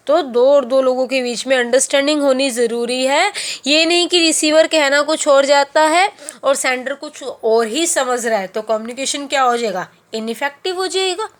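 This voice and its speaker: A woman teaching a class, who explains by asking and answering her own questions and slows down on key terms. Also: high-pitched. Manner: mixes in English terms, slows down on key phrases. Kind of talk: classroom lecture.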